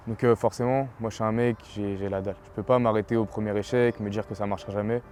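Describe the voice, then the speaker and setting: A man's voice: on the low side, fast. A man of twenty from French Guiana, talking casually in an interview about his path in sport. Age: 20s. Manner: relaxed, talks plainly with fillers. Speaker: young athlete interviewee. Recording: interview with faint music underneath.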